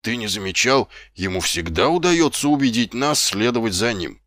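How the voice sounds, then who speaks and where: A man voicing a slow, timid, middle-aged male sergeant who talks hesitantly and grumbles, in an audiobook. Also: fairly low pitch, lively intonation, fairly bright tone, no echo, studio quality.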